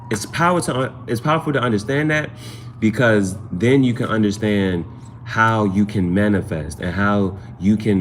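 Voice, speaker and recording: A man with a fairly low-pitched voice hosts a casual tarot livestream as an amateur reader, chatting informally and rambling to viewers while often repeating phrases for emphasis. There's slight background noise.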